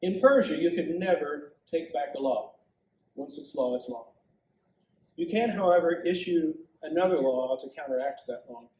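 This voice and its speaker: A man's voice: fairly high pitch, normal speed, a little hiss or hum. Male pastor telling a sermon story, heard far off in a hall. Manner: first-person storytelling with lively character asides. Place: church sanctuary. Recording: echoey church heard from a distance.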